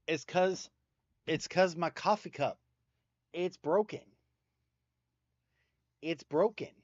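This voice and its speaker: A man with a mountain North Carolina accent chats casually on a livestream, thanking viewers by name. His voice is a little high and unhurried, and the recording is muffled with no echo.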